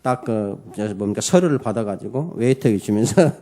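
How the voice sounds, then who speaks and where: A man's voice: lowish voice, expressive, a little fast, dark tone. A man pastor giving a Sunday morning sermon in church, preaching emphatically, calling for amens and telling a story with many fillers. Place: church service.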